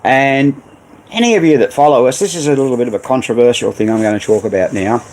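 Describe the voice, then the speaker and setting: A man's voice: medium pitch, quick pace, darkish tone, slight background noise, low-quality recording. An Australian man hosting a casual livestream about repairing old pinball machines, rambling with many fillers. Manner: rambling, reads viewer messages aloud.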